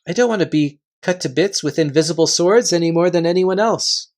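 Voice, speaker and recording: A gentle, earnest young girl, acted by a man reading a storybook. The voice is lifted slightly and soft-spoken, with a brave, resolute manner. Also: on the high side, brisk, natural voice.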